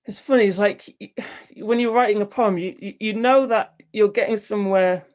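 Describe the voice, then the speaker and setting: A woman poet reading her poems aloud in a measured, wry delivery, with hesitant, rambling asides between them. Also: mid-range voice, fairly even intonation, darkish tone. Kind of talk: poetry reading with spoken asides.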